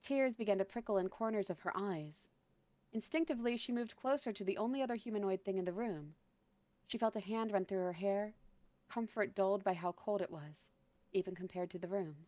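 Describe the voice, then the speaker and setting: A woman's voice: mid-range voice, brisk, warm tone, no echo. Woman reading a ghost story, dry. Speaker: guest storyteller. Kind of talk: reading a horror story aloud, then casual chat.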